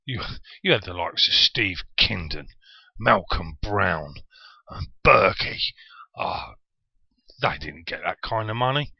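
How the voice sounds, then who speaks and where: Bloke in his 40s w a southern english accent, low voice, chatty and self-deprecating, dull dry lo-fi sound. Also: no echo. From Yorkshire, England. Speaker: vlogger. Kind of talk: casual personal storytelling.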